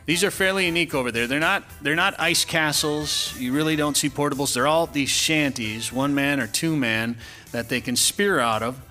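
A man's voice: on the high side, moderate pace, sharp tone, soft background music. A man hosting a radio show and running a quiz in a casual, upbeat way, laughing and slipping into a game show voice. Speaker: radio show host and quizmaster.

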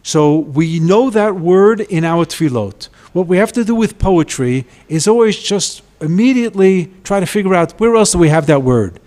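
A high-pitched man giving a Torah lecture in a community hall. He lingers over each Hebrew verse in a slow, careful reading, then unpacks it in plain speech. His voice climbs higher as he drives a point home. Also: animated, darkish tone. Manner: reads Hebrew verses slowly and deliberately, then explains them; grows emphatic and rises in pitch when stressing a point. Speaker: Torah teacher. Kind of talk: lecture on a liturgical poem.

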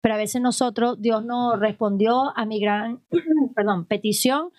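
A woman's voice: fairly high pitch, a little slow, no room sound, clean studio sound. Chatty woman musing on faith. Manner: animated, rambling, frequent "o sea" and "¿ok?". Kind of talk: casual religious conversation.

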